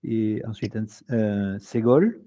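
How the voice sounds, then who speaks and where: A man's voice: fairly low pitch, slow pace, dark tone, lo-fi sound. A male student answering his teacher's questions hesitantly, searching for the words.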